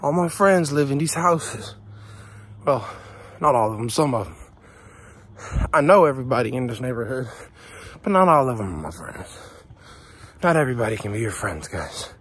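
At dawn on a neighborhood street, a young vlogger talks to his camera while running, out of breath, blunt, and swearing as he pushes himself along in a casual running vlog. His husky, fairly bright, mid-range voice swings widely in pitch at a moderate pace, with frequent pauses.

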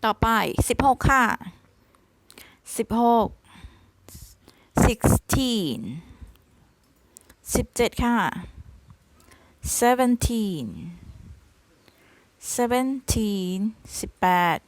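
A woman teaching English numbers to young students, slowly spelling each word letter by letter and using polite particles. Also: a little high, dry recording. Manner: slow, spells words letter by letter. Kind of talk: slow number drill lesson. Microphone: phone screen recording.

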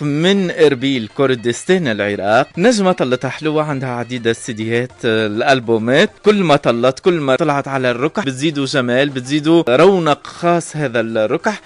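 A man with a Tunisian Arabic accent hosting a live radio interview, chatty and welcoming. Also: fairly high pitch. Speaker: radio host. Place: radio studio.

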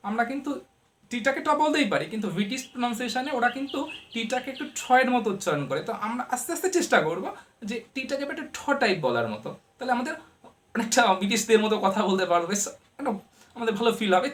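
Woman teaching pronunciation, asks and answers. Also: a little high. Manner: asks questions and answers them herself; uses everyday family comparisons to explain. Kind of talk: explanatory lesson to viewers.

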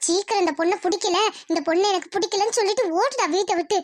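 A woman's voice: very high-pitched, racing, a little mellow, no echo, studio quality. A woman voicing a scheming young bride-to-be in a cartoon, speaking politely and then muttering sly asides. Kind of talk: Tamil cartoon dubbing with asides.

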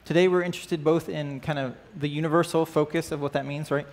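His voice runs on the high side with fairly even intonation, and he talks fast. The man is giving a church class lesson, opened with prayer, from an indoor church stage holding band gear. It's a loose, conversational delivery, with regular questions to listeners and many instances of "uh" and "right?"

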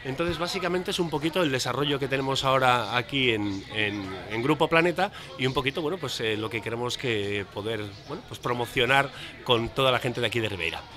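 A young man with a mid-pitched voice talks into a handheld reporter's mic at an outdoor book stall. He speaks fluently for a publisher, padding his sentences with frequent fillers. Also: a little fast. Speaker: publisher's representative. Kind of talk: street interview.

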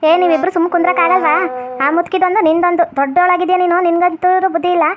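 A woman playing a deaf cranky granny, high and rapid, tinny phone-like sound. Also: fairly even intonation, faint music behind. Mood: scolding. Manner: scolding, shrill and quick. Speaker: grandmother in a family comedy skit.

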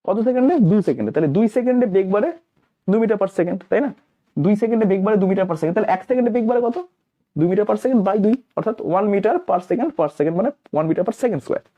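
A man's voice: high-pitched, animated, brisk, dark tone, lo-fi sound. A male physics teacher, lecturing emphatically and answering his own questions as he explains. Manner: mixes English terms into explanations.

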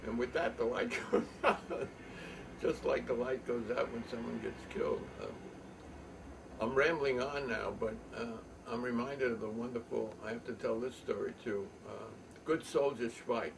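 An older man telling a story in a rambling, halting way, with many pauses and fillers. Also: medium pitch, creaky. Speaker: show host. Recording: distant mic with faint room noise.

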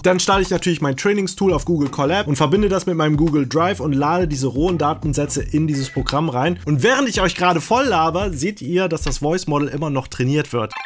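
A man in his twenties hosting a casual tech vlog, excitable and slangy, often laughing as he talks. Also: a little high, a little hiss or hum. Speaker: YouTuber host.

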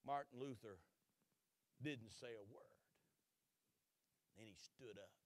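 A middle-aged male pastor preaching a sermon in a church, swinging from hushed tones to thundering, acting out the voices he quotes. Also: fairly low pitch, slow, no room sound. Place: church sanctuary.

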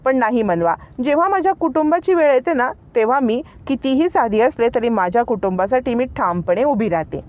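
A woman voicing a sharp-tongued young wife who taunts and scolds her sister-in-law, in a retold TV serial story. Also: a little high, lively intonation, brisk, hardly any pauses, muffled recording, close to an everyday voice. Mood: taunting.

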